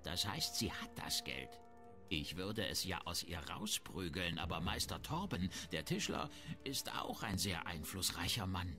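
A man with a deep voice, lively intonation and a slightly slow delivery plays a shrewd, grumbling, self-important town merchant in a fantasy video game. His mood is sly and bargaining, his manner haggling and disdainful, with music playing behind him.

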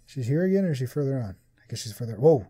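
A woman giving casual, jokey and excitable let's play commentary on a video game. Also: very deep voice, rapid-fire, husky. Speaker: gaming co-commentator.

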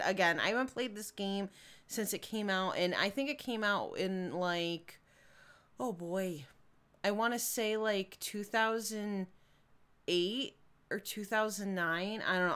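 A young woman from the Chicago area, with a Midwestern American accent, speaks in a lowish, slightly bright voice. She's casually commenting live while streaming a game, rambling along with fillers and giggles.

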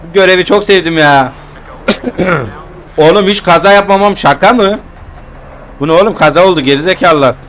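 Excitable young man commenting on gameplay. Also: high-pitched, normal speed. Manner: excitable, swears freely, talks to viewers. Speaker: gaming channel host. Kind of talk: casual let's-play commentary.

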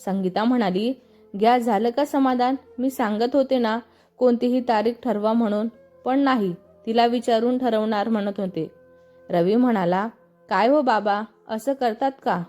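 A woman reading a family story aloud, giving the narration and every character's lines in the same even storytelling voice. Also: a little high, normal speed, soft background music.

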